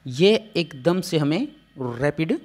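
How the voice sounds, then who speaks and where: A man's voice: on the high side, expressive, slow, darkish tone, faint music behind. A man teaching a phonetics lesson, explaining patiently step by step.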